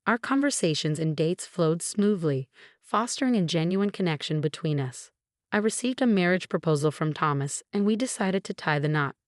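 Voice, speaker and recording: A woman narrating a first-person drama story in a steady, measured reading voice. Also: lowish voice, no room sound, clean studio sound. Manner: even, measured reading of all characters in one voice.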